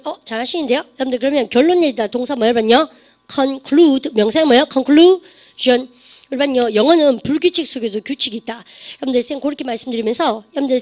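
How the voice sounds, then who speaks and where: A woman teaching an online English grammar lesson, quizzing her students with quick questions. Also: high voice, a little mellow.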